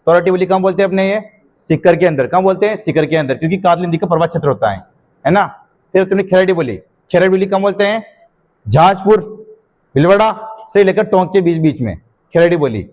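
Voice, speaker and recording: A man's voice: high-pitched, a little mellow. A teacher dictating notes in a classroom lecture, often quizzing his students with a question and then answering it himself.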